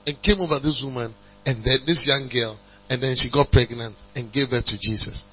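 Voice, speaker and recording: A man preaching a sermon, calling on the congregation to respond and building to emphatic high passages. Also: moderate pace, pushed and bright, slightly rough. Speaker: pastor. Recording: dull lo-fi recording with mains hum.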